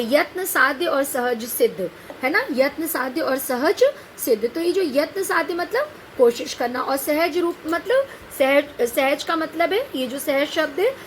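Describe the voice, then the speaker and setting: A woman's voice: high-pitched, fairly bright tone, rough recording. A woman teacher giving a lecture, explaining a text patiently and checking in with her students through rhetorical questions. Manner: patient, addresses students as "बेटा". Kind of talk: classroom lecture on a set text. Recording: faint background noise.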